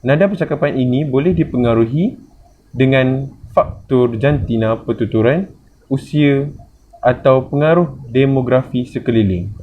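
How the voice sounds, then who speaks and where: A man's voice: mid-range voice, moderate pace. A man with a Malaysian Malay accent formally reading a scripted academic presentation, like a student presenter. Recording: muffled lo-fi, faint noise.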